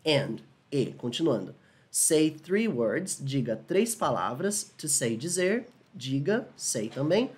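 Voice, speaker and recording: A man with a Brazilian Portuguese accent giving a casual video English lesson, upbeat, often asking viewers if they agree and slowing down for English examples. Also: medium pitch, very animated. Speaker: English teacher.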